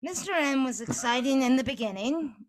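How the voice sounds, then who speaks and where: Steady, organized podcast co-host woman. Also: high voice, a little fast. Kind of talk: casual podcast chat.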